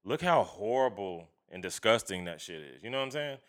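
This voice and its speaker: Casting: man, very low clear voice, emphatic and slangy, swears freely in casual opinionated conversation. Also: animated, fairly quick. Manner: emphatic, slangy, profane, often seeking agreement.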